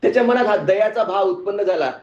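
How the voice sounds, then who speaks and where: A man's voice: sits high, fast, darkish tone. A male spiritual teacher telling a story in a sermon and asking his audience questions. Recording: echoey room, muffled sound.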